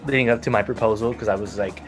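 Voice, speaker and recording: A man's voice: lowish voice, fairly even intonation, fast, soft background music. A man with a Texan accent, co-hosting a casual podcast chat and rambling with lots of fillers and restarts. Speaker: podcast co-host.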